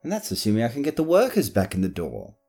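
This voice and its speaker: A woman voicing a nervous, greedy male nobleman who stammers and pleads, with a breathy voice. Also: rumbling low, huge pitch swings, fast, warm tone, soft background music, exaggerated voice. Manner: nervous, then frantic and pleading. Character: panicky greedy nobleman who killed his mother.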